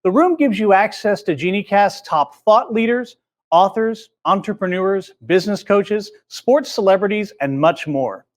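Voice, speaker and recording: A male host leads a business interview in a friendly, conversational way. His voice sits high for a man, and he talks with easy, open curiosity. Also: expressive, normal speed. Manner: friendly, scripted intro then conversational. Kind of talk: interview hosting.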